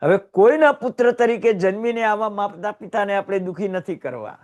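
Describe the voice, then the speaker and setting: Man, Gujarati, Jain sermon, higher voice, emotional storytelling, loud rises and hushed drops. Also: lively intonation, normal speed, muffled recording. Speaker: Jain religious teacher.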